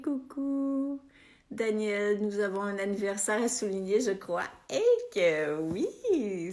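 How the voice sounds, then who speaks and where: A woman with a Québécois accent chats on a live stream from her home, greeting viewers one by one. She talks slowly, with many soft "euh" pauses, and her voice sits a little low. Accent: Québécois French. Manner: unhurried, warm-hearted greetings with frequent euh fillers.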